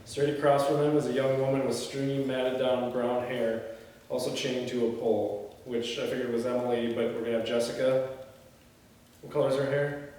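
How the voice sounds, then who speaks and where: Reading screen directions at a film table read, this man also makes casual conversation with the others. His voice is medium-pitched, level, a little mellow, and moderately paced. The recording has a little hiss or hum, and he sits far from the mic in a very echoey indoor room.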